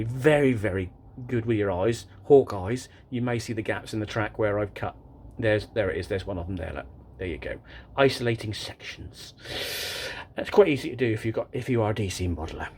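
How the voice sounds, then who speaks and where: Brief: male hobby vlogger, rambling and self-interrupting, mid-pitched and casual, talking to a tripod camera. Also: a little mellow, slight background noise. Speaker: model railway vlogger. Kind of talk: casual show-and-tell vlog. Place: indoor room with a model railway layout.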